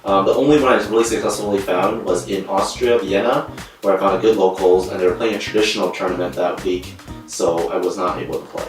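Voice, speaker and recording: Speaking fast in a deep, fairly level voice, this co-host and guest player is a Canadian man giving plain, earnest interview answers sprinkled with fillers. Soft background music plays, and the mic picks him up from far off in a reverberant room.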